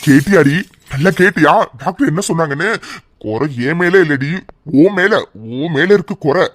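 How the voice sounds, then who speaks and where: A man's voice: on the high side, lively intonation, fairly quick, a little hiss or hum, close to an everyday voice. A man voicing a bitter, humiliated husband in a cartoon serial who scolds his wife harshly. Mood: angry scolding.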